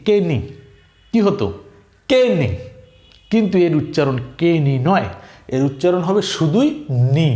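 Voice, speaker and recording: A man with a Bangladeshi accent teaching English, slowly spelling words letter by letter and quizzing his viewers. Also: on the high side. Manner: slow, repetitive teaching, spells words letter by letter and asks questions. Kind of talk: spoken language lesson. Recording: echoey room.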